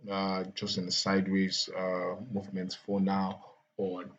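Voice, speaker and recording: A man talking through market charts, repeating words often and filling pauses with "uh". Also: low voice, completely flat delivery, fairly bright tone, lo-fi sound, a little hiss or hum. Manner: repeats words, many fillers and restarts. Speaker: crypto market analyst. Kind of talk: chart analysis talk.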